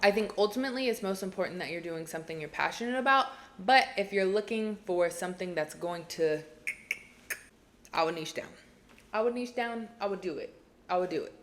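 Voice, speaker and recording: A young woman in her twenties records a casual advice vlog alone in a small room. Her voice sits at an ordinary mid-range pitch. She talks earnestly and chattily, often repeating phrases to drive a point home. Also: expressive, a little fast. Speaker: influencer giving advice.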